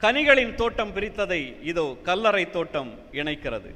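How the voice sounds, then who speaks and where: A man's voice: high-pitched, sing-song, normal speed, pushed and bright. A man giving a dramatic poetry recitation with emphatic, declamatory bursts in a church hall. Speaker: poet reciting at a poetry event.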